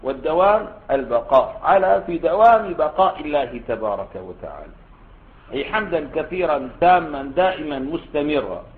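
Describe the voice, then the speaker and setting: In a tinny, phone-like recording, a male Islamic scholar explains a classical text to his class and quizzes his students as he goes. He speaks at normal speed in a fairly high, very animated voice.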